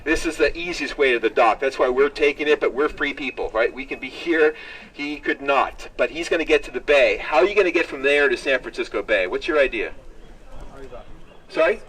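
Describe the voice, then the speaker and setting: A man's voice: medium pitch, fairly quick, fairly bright tone. A man working as a tour guide, telling a story live to a group in dramatic short phrases and questions to his listeners. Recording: distant mic, live on-site capture.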